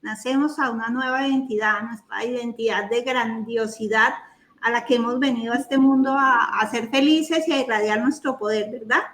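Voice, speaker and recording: Mujer presentadora de voz aguda, conversación animada y risueña; grabación con eco de sala. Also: female voice, on the high side, normal speed. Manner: lively, laughing storyteller. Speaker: host. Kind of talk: casual interview talk. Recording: roomy echo.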